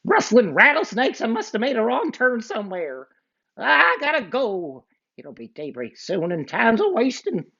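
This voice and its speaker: A man voicing a mean, gruff cowboy outlaw with a drawl in a storybook reading, on a muffled lo-fi recording. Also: very high voice, huge pitch swings, measured pace, sharp tone, voice pushed up, full character voice. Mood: grumbling.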